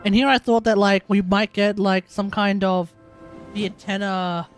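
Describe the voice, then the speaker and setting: Streaming a video game, a woman offers casual live reactions in a steady, mid-range voice at normal speed. Faint music, clear background noise and clicks sit behind her.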